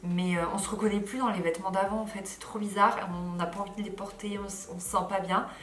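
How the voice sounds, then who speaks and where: A woman in her thirties chatting casually to camera as a vlogger, tired, with lots of fillers and lively asides. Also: medium pitch, fast. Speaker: lifestyle vlogger. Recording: roomy echo, mic a bit far.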